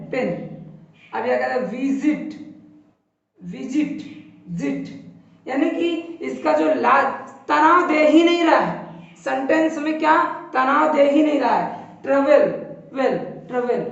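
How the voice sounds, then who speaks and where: A woman teaching an English grammar lesson, explaining slowly and repeating each point while pointing at a board. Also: high voice, vocal fry. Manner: slow, repetitive explaining at a board. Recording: very echoey, distant, dull lo-fi room.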